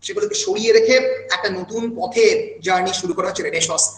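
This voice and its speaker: Man, high voice, literature lecture, many "uh" fillers, roomy echo. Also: sing-song, fast talker, fairly bright tone. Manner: recites quotations with feeling. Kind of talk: online lecture mixing Bengali and English.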